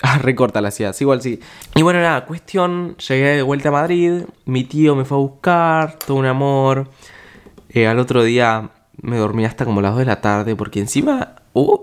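A man's voice: medium pitch, expressive, normal speed, clean tone. A young man with an Argentine accent tells a travel story as a podcast host, chatty and slangy, swearing and filling gaps with small words. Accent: Argentine Spanish. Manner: chatty, slangy and profane, with lots of filler words. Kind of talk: casual storytelling monologue.

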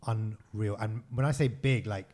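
A man's voice: on the low side, steady tone, measured pace, darkish tone. A man co-hosting a podcast in casual conversation, speaking informally and emphatically with laid-back slang. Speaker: podcast co-host. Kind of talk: casual chat.

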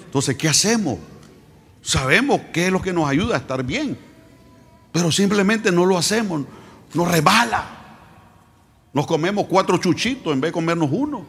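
A male pastor preaching a sermon, firing direct questions at the congregation and swelling into shouted, sung-out lines. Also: sits high, expressive, moderate pace, creaky, pauses often, breathy edge, long reverb tail.

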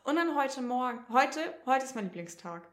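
A woman's voice: sits high, moderate pace. A young woman co-hosting a podcast, chatting casually and acting out quoted dialogue as she tells stories. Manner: animated storytelling, acts out quoted dialogue. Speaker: podcast co-host. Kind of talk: casual chat. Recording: roomy echo.

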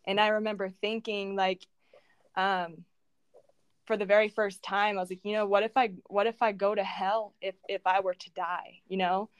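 A woman in a personal conversational interview, earnest and halting, telling her faith story at home with many restarts and fillers. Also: mid-range voice, little pitch movement, smooth, no room sound. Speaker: guest sharing her faith testimony.

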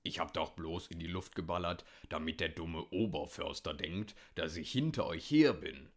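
A man voicing a grumpy old male hunter in a storybook, talking in a gruff grumble. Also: sits low, normal speed, pitched below the performer's own voice. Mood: grumbling.

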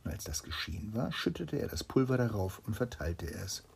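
A man reads an old fairy tale aloud to a child. His voice is low and gravelly, with a mellow, dark tone and a breathy, husky edge. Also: big pitch swings, brisk. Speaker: storyteller.

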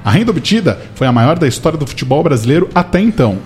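A man's voice: on the high side, very animated, fast, faint music behind. A Brazilian man hosting a podcast, telling football history in a conversational way. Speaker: podcast host.

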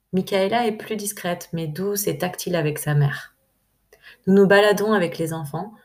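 A young woman from France calmly reading her first-person travel diary aloud in a measured way. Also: lowish voice. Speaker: narrator.

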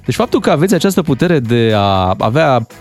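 A man hosting a morning radio show, his pitch rising and falling a lot as he chats and jokes with his co-hosts. Faint music plays under the talk. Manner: animated, chatty, many fillers. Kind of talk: lively radio banter.

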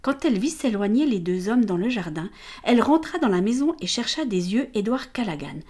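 Female audiobook narrator; even, measured storytelling. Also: medium pitch. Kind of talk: scripted narration.

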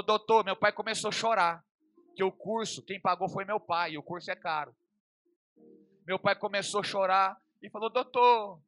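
A young man delivers a testimony sermon in a high, bright voice. He swings between loud, fervent preaching and quiet, intimate storytelling. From Brazil.

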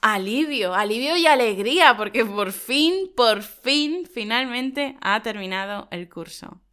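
A woman from Spain, co-hosting a lesson and explaining slang to learners in a lively, emphatic way. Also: a little high, unhurried, clean tone. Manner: lively, emphatic, laughs often. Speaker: Spanish teacher and co-host.

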